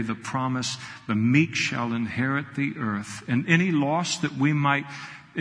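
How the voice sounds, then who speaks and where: A man's voice: mid-range voice, fairly bright tone. A man pastor preaching a sermon in a conversational way, with quoted asides to the congregation. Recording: reverberant hall.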